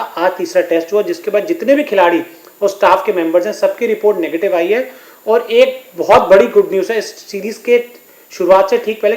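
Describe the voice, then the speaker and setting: A man's voice: high voice, a little mellow. Male sports reporter in an echoey room. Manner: detailed, explanatory reporting. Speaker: sports correspondent. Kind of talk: news discussion reporting.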